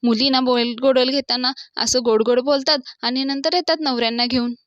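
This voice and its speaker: A woman's voice: sits high, steady tone, fairly quick, a bit bright, dry recording. A woman voicing a young woman who pleads and protests against being married off. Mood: frustrated. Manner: pleading, insistent. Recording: dull dry lo-fi recording.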